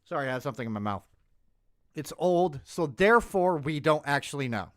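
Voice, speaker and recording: A man's voice: on the high side, expressive, brisk, a bit bright, dry recording, clean studio sound. Profane, blunt male streamer ranting. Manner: blunt, profane, restarts mid-word. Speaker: streamer host. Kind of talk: casual rant reacting to a video.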